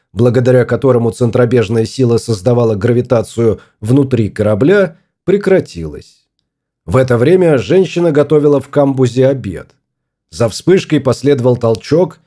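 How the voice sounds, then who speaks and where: A man reading a science fiction story aloud as an audiobook narrator, in lively storytelling fashion. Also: mid-range voice. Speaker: audiobook reader. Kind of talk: scripted narration.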